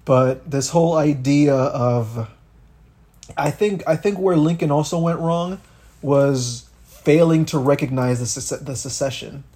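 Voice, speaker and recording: A man's voice: fairly high pitch, a little slow, dark tone, breathy edge. A young man from Miami co-hosting a podcast, ranting about politics in casual, profane talk full of restarts. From Miami, Florida. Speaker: podcast co-host.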